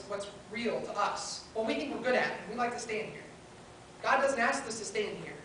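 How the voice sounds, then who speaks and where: A woman with a medium-pitched, fairly bright voice preaches at a pulpit microphone. She earnestly lays out her points in short phrases, one after another. Faint hiss accompanies the far-off sound of a very echoey hall.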